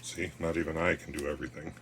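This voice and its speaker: A man with a deep, low voice chats his way through a gardening vlog at home. He rambles, pokes fun at himself and drops corny dad jokes, with a faint hiss behind him. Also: little pitch movement, fast, a bit bright. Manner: rambling, self-mocking, cracks dad jokes. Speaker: gardening vlogger. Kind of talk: casual how-to vlog.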